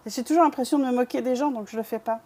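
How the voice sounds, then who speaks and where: A woman's voice: sits high, racing, mellow. A woman from Bresse in eastern France chatting casually with her live-stream viewers, self-deprecating and talkative. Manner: chatty, self-deprecating, talks to chat while painting.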